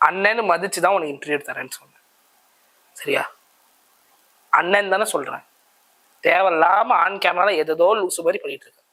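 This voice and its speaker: An interviewed cricket fan who keeps scolding the interviewer, exasperated and often snapping back loudly. The voice is bright and forceful. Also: mid-range voice, moderate pace, pauses often. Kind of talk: heated street interview banter.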